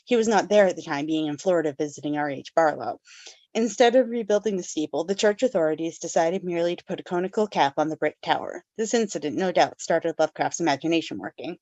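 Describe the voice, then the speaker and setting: A woman's voice: sits low, lively intonation, fast, a little mellow, no room sound, muffled recording. A woman hosting a casual book club podcast, reading background notes and then summarizing the story with fillers and laughs. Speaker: podcast host.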